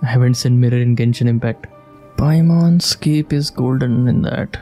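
A gamer reacts as he plays, musing aloud in short remarks during a casual playthrough. His voice is mellow, medium-pitched and moderately paced, with video game music in the background.

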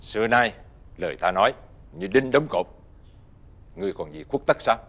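An older actor playing a righteous, wealthy old gentleman who speaks with stern, dignified authority. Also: medium pitch, sing-song, moderate pace, creaky, exaggerated voice. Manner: dignified, stern, lecturing, uses archaic "ta/ngươi".

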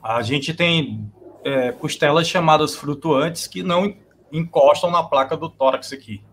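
A man's voice: on the high side, fairly bright tone, a little hiss or hum. A man joining a live stream remotely and debating the host earnestly, sometimes stumbling and repeating words. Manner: earnest, halting, repeats words when pressed.

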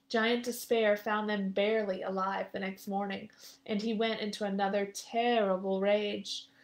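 A woman's voice: medium pitch, vocal fry. Woman reading a children's story aloud. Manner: chatty asides to young listeners.

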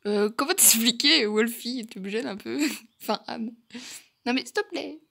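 A woman with a fairly high, husky voice talks through an online role-play game at an unhurried pace. She teases the other players and now and then drops into quiet muttered asides. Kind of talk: casual gameplay commentary.

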